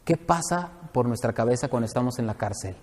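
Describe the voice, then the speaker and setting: A man preaching a sermon, lively and joking as he speaks straight to his congregation. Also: medium pitch, fairly quick, a little hiss or hum. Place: church hall. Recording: echoey church hall.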